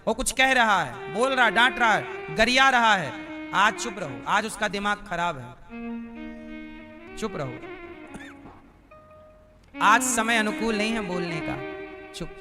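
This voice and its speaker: A high-pitched male preacher gives a live devotional sermon. He drives his points home through repetition and rhetorical questions, and he pushes the crowd to call out answers. Instrumental music plays clearly beneath his voice. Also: expressive, slow pace, long pauses. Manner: repetitive, emphatic teaching cadence. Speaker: preacher giving a religious discourse.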